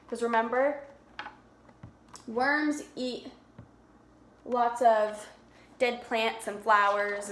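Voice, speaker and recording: Her medium-pitched, fairly bright voice comes through with a slight hiss or hum in an echoey space. Like a preschool teacher, she reads a picture book to young children, keeping explanations simple and questioning her listeners.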